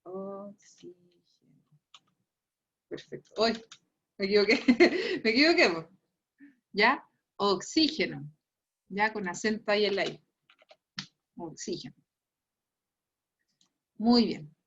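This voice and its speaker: A woman's voice: mid-range voice, lively intonation, slow, pauses often, lo-fi sound, a little hiss or hum. A Chilean woman teaching a science class online, reviewing a quiz with a playful, teasing manner and frequent laughter. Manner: teasing, laughs often, explains patiently.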